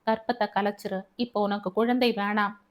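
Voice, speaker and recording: Lady narrator doing a sneaky abusive husband, bossy then sugary, audiobook, normal pitch. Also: steady tone, moderate pace, natural voice. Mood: cold commanding. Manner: shifts between cold orders and tearful sweet talk. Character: manipulative abusive young husband, scheming and false.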